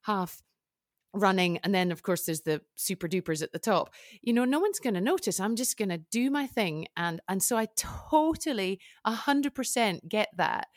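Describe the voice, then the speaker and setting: A woman's voice: medium pitch, animated, normal speed, no echo. Woman, interview host, enthusiastic, chatty, dry close sound. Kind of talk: casual interview chat.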